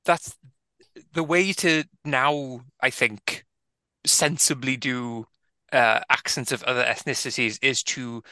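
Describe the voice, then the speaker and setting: Bright, dry-voiced Welsh man laughing through chat. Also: mid-range voice, fairly even intonation, takes it slowly, dry recording. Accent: South Wales. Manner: laughing, rambling, sweary. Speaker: podcast co-host. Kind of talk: casual film-review chat.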